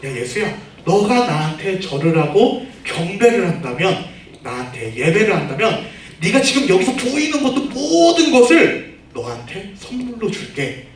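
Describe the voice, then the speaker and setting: A man's voice: high-pitched, sing-song, normal speed, slight background noise, voice pushed up. A sly devil of a children's Bible story, mocking and coaxing as he dares his target, put on by a man. The tone rises and falls freely. The voice rings through a roomy space away from the microphone. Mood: taunting. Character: taunting male devil tempting Jesus. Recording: echoey room, far from the mic.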